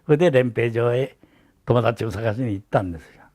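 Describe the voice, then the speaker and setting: A man's voice: medium pitch, a little mellow. Elderly Hiroshima man recounting memories. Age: elderly, 80s or older. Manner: halting, reflective storytelling of an old man. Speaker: atomic bomb survivor giving testimony. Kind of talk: recorded oral testimony, reminiscing.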